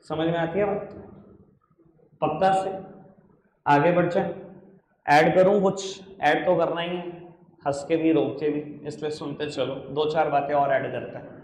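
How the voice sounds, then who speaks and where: High-voiced, playful male accounts teacher. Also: darkish tone. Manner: playful, coaxing, calls students affectionate nicknames. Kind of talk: classroom lecture. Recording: echoey room with faint noise.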